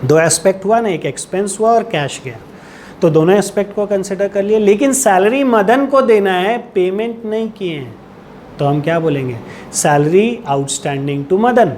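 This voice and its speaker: An accounting teacher with an Indian accent gives a classroom lecture in a fairly high, slightly mellow male voice at normal speed. He patiently restates each point and poses rhetorical questions to check that students understand. A little background noise can be heard.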